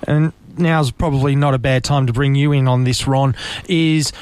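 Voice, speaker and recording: A man's voice: medium pitch, steady tone, normal speed, a little mellow, clear, resonant tone, dry recording. An Australian man hosting a conversational sports interview, asking long, wordy questions. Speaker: sports show host.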